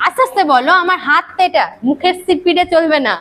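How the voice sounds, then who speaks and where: A woman with a strikingly high voice teaches grammar in a classroom, speaking. She drills her pupils with rapid rhetorical questions and scolds them when they chat. Her tone is brisk and teacherly throughout. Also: a bit bright, slight background noise, low-quality recording. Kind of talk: classroom lecture. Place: classroom with students.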